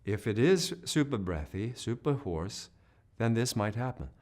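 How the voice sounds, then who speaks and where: A singing teacher with a lowish, darkish voice speaks a little slowly and expressively in his video lesson. He explains things patiently, punctuates with "right?", and pauses mid-explanation to model hoarse and humming sounds.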